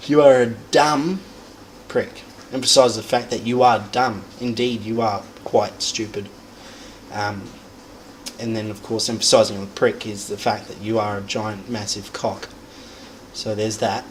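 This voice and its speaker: A man's voice: mid-range voice, a little hiss or hum, poor audio. A young man, talking casually and crudely at home for his vlog, swearing and muttering as he browses. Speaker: vlogger. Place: home room.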